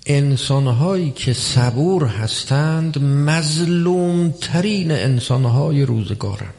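A man preaching a religious sermon, measured and emphatic, with long pauses between phrases. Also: fairly high pitch, animated, gravelly, a little mellow. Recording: long hall reverb.

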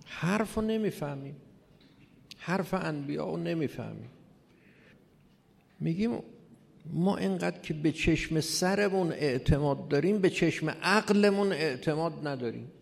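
A man's voice: fairly high pitch, gravelly, long pauses. A man giving an informal religious lecture, telling it with rhetorical questions and mocking asides. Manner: rhetorical, mocking, lively storytelling. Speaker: religious speaker. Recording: long hall reverb.

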